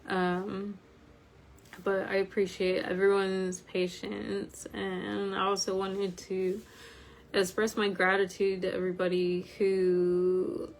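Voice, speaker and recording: Woman, informal online group host. Tired, slightly croaky, very slow and even, over background noise. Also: mid-range voice, rough recording. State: tired from medication. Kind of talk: informal livestream talk.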